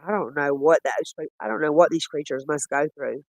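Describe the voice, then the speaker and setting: A man chatting casually while reviewing footage, rambling and quick to laugh. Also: fairly high pitch, dry recording. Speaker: cryptid-hunting streamer.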